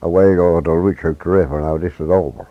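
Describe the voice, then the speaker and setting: A man telling a traditional folk tale in halting dialect speech with many restarts, on a dull lo-fi recording. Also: low voice, steady tone, no echo. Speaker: storyteller.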